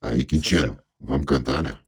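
A man's voice: normal speed, a little mellow, no echo, studio quality. A man speaking through a voice changer, a joking, laid-back podcast guest chatting casually. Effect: voice changer, distorted very deep and gravelly. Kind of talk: casual chat.

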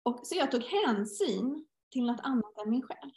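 A woman's voice: high voice, lively intonation, darkish tone. A middle-aged woman in a casual podcast conversation, telling personal stories and acting out her inner dialogue. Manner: storytelling, acts out inner dialogue. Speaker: guest teacher. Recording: roomy echo.

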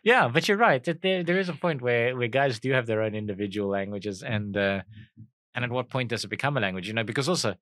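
A man co-hosting a podcast, chatting casually and teasing his partner with a quick laugh. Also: mid-range voice, a bit bright, no echo, clean studio sound. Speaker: podcast co-host. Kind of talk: casual comedic chat.

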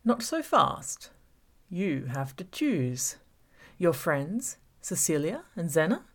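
In this audiobook, a woman plays a taunting, manipulative male villain, gloating and falsely reasonable with an air of smug menace. Her voice sits on the low side but is pushed upward, with big swings in pitch and a slow pace. The performance is heavily acted.

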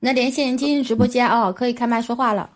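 A woman's voice: a little high, steady tone, fast talker. A woman hosting a radio call-in advice show, giving blunt, direct answers.

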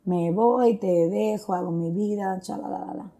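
A woman's voice: mid-range voice, moderate pace, vocal fry, warm tone. Earnest woman telling a personal testimony. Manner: mixes Spanish with English phrases; earnest, reflective, with frequent fillers. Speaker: guest sharing a testimony.

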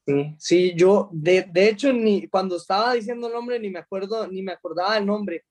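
A high-pitched man from Costa Rica, in his thirties, talks about his life as a fighter. He answers in a halting way, restarting his sentences and filling gaps with small sounds. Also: a little mellow. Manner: hesitant, many restarts and fillers. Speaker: mixed martial arts fighter. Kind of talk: interview answers.

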